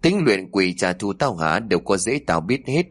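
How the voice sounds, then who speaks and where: A man voicing a cold, callous father in a horror story, calm and threatening. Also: low-pitched, moderate pace, husky, exaggerated voice. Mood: menacing.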